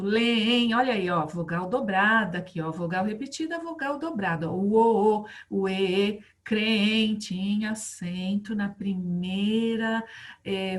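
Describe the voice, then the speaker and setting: A Brazilian woman teaching a recorded online class to children, with an affectionate, lively manner and lots of rhetorical questions. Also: mid-range voice. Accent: Brazilian Portuguese. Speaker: school teacher.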